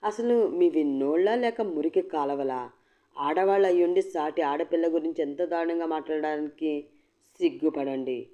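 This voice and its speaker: In a low, dark voice at normal speed, a woman lightly acts the part of a defiant young woman, sharp-tongued and unbowed. She speaks firmly, in a cutting, mocking way, on a dull lo-fi recording.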